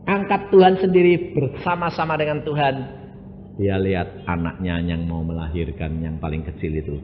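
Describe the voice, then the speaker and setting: Preacher man booming in an echoey hall. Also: moderate pace, a little hiss or hum. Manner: swings from loud preaching bursts to hushed quoted speech. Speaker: evangelist preacher. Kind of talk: sermon testimony. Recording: echoey hall, dull lo-fi sound.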